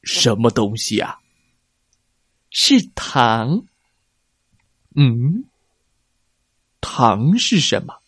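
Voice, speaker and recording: A man's voice: medium pitch, big pitch swings, extremely slow, long pauses, a bit bright, breathy edge, dry recording, clean studio sound, heavily acted. A man playing a greedy gullible tiger. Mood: curious. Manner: whiny, complaining, naive.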